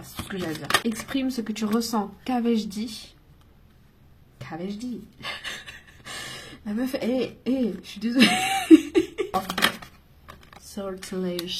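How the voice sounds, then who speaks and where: A woman giving a casual spiritual card reading, chatty and rambling, reassuring her viewers and breaking off with giggles and soft whispers. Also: mid-range voice, slight background noise. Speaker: oracle card reader.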